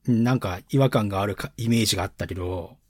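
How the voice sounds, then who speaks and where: A man's voice: on the low side, fast, slightly rough, no room sound, studio quality. A man angrily tearing into a film in a casual chat. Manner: indignant, complaining. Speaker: film reviewer.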